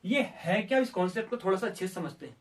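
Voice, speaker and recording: Man, maths teacher, high voice, lesson style, asks and answers himself, mic a bit distant. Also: expressive, fast. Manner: asks questions and answers them himself, voices students' doubts. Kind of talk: classroom lesson explaining step by step.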